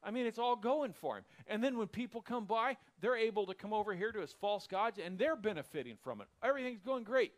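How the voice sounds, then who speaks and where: A man teaching the Bible verse by verse, reading scripture aloud and then retelling it in casual modern slang, acting out the characters' lines with sudden loud bursts. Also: sits high, expressive, brisk, hardly any pauses.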